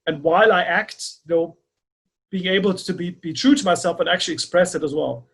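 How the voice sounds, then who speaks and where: A male podcast host who talks haltingly, circling back over his own words as he hunts for the right phrasing. His voice sits a bit higher than most men's. He stays thoughtful and reflective throughout. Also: vocal fry, slightly rough. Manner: halting, repeats words while searching for phrasing. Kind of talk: reflective conversation.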